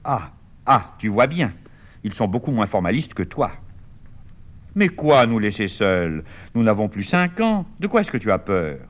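Man doing a cocky teen ringleader, quick banter, mock-grand; lower voice with swinging pitch, 1960s play reading. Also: very animated. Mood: cajoling. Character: lively bossy teenage boy, teasing ringleader.

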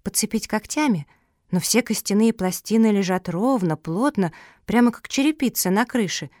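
A woman's voice: mid-range voice, moderate pace, dry recording, clean studio sound. Woman narrating a children's audiobook. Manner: expressive storytelling. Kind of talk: scripted narration of a children's book.

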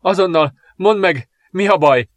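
A man's voice: on the high side, steady tone, a bit bright, no echo, voice pushed up. A man voicing a young princess in the pain of childbirth, pleading and anguished, in a storybook reading. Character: desperate young princess in labor.

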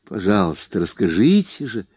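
A man reading as a calm, teasing young woman. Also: lowish voice, normal speed, husky, no echo, studio quality. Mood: coaxing. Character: calm, bold young woman, playful and kind. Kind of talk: audiobook reading.

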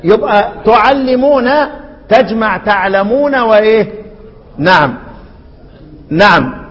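High-voiced Egyptian teacher, questioning, reverberant lo-fi. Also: male voice, animated, slow pace. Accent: Egyptian Arabic. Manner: asks rhetorical questions and repeats key words. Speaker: teacher of Quran recitation. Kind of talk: lecture with questions to students. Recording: lo-fi recording in a reverberant hall.

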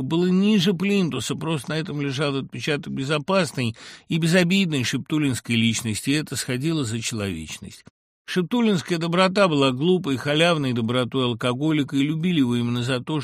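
A man narrating a literary audiobook in an expressive, ironic way, hitting words with sudden emphasis. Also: mid-range voice, dry recording, studio quality. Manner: expressive, ironic reading with sharp emphatic jumps.

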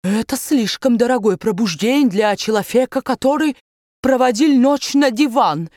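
A woman's voice: on the high side, moderate pace, a little mellow, no echo, studio quality, voice pushed up, close to an everyday voice. A woman voicing a pompous older male banker who speaks broken, foreign-accented speech in sudden outbursts. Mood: blustering.

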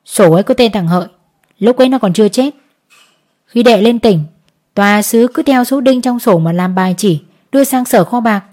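A woman voicing a male village clerk who explains the tax rules loudly. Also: fairly high pitch, moderate pace, close to an everyday voice. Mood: lecturing. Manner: loud, lecturing.

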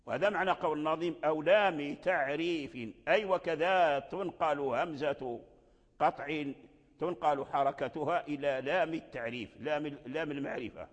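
A man's voice: fairly high pitch, brisk. A man teaching Quran recitation in a lesson, repeating each word several times as he explains. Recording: long hall reverb.

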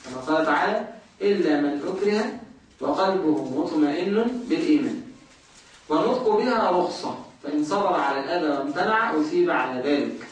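A man's voice: on the high side, animated, brisk. A man with an Egyptian accent teaching a jurisprudence class, asking the class questions and answering them himself. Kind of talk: lecturing a class. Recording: very echoey room, voice from far off.

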